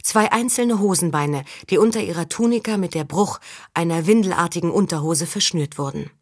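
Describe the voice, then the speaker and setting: Low-voiced woman reading a novel. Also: a little fast, husky, no echo, clean studio sound. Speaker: audiobook reader. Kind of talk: scripted narration.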